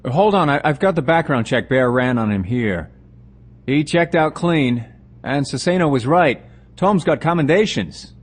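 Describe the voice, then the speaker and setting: An actor playing a businesslike intelligence analyst in an audio drama, clipped and matter-of-fact. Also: male voice, fairly high pitch, animated, a little slow. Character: businesslike male intelligence analyst reporting findings.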